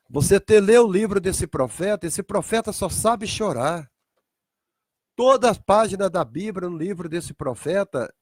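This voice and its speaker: Brief: theatrical pastor, higher voice, swings in pitch, dry close sound. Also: male voice, darkish tone, no echo. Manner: theatrical, acts out biblical scenes. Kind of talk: dramatic livestreamed sermon.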